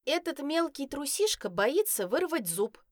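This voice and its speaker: A bossy big sister who taunts her little brother, as a woman reading the story plays her. She sounds sly and scheming, pitched up a little. The reading is dry and close to the mic. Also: big pitch swings, a little slow, dry recording. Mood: taunting.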